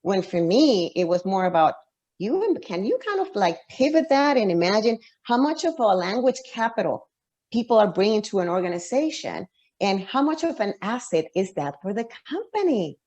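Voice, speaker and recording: A woman's voice: medium pitch, big pitch swings, moderate pace, darkish tone, highs cut off. A woman author, a guest on an interview show, giving long reflective answers full of restarts and fillers.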